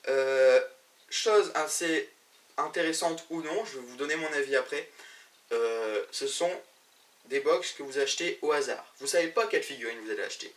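A fairly high-pitched man hosts a gaming news show, talking to camera in a loose, chatty way. He fills his sentences with hesitations and restarts. His voice sits a little back from the mic in an indoor studio. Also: moderate pace, fairly bright tone, distant mic. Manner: chatty, many fillers and restarts. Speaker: web show host.

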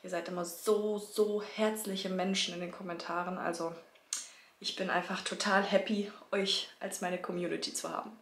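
A mother of three in her thirties, who runs a family vlog, talks casually to viewers about her day at home while holding a phone camera at arm's length, moving through her child's bedroom and other indoor rooms. A cold has left her medium-pitched voice slightly hoarse, and she chats directly to the camera with lots of fillers. A little hiss or hum is audible.

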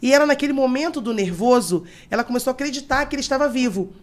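Woman guest, mortuary teacher type, talks fast, explains terms plainly, crowd noise behind. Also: sits high, lively intonation. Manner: explains technical terms to listeners. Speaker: guest, mortuary and embalming instructor. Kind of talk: podcast storytelling.

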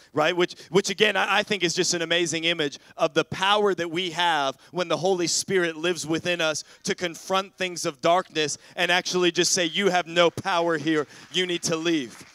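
A man's voice: fairly high pitch, sharp tone, smooth, dry recording. A male pastor preaching a sermon in an earnest way, often repeating words as he builds momentum and calls out to the congregation.

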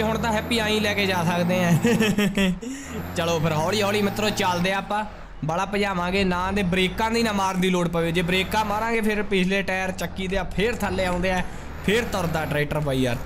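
A man's voice: high voice, noisy background. A man, giving casual game commentary to viewers with chatty, hearty, slangy banter. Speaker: gaming video host. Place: indoor room, gaming setup.

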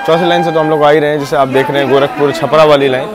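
A man's voice: on the high side, steady tone, rapid-fire, over music. A young man vlogging a train journey on station platforms, talking into a phone held at arm's length in a chatty, informative tour-guide tone. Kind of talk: casual travel vlog narration. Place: outdoor railway station platforms. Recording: loud station and train noise. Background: station crowd and trains.

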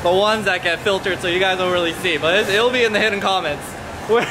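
A man in his thirties vlogging casually while walking through an indoor mall food market, filming at arm's length and talking excitedly with many fillers and restarts. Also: high voice, a little fast, background noise. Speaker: travel vlogger host. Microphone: handheld camera at arm's length.

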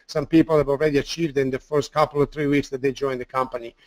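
A man's voice: mid-range voice, little pitch movement, quick pace, dry recording. A man with an Italian accent giving an enthusiastic sales webinar presentation, often repeating words and using fillers.

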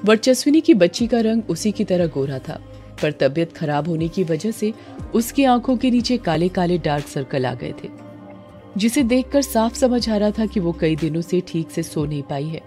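A woman narrating a serialized horror story, reading the narration and the dialogue of all the characters in a steady tone. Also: fairly low pitch, normal speed, soft background music.

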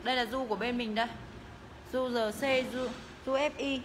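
Woman doing a live shop sales pitch, kinda high voice, noisy echoey phone audio. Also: fairly even intonation, normal speed. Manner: promotional, repeatedly urging viewers to get in touch. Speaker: motorbike shop livestream seller. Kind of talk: live sales pitch, casual product walk-through. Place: tiled indoor motorbike showroom rooms and stairwell. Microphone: handheld phone, held by the walking speaker. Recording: noisy phone audio in echoing hard-walled rooms.

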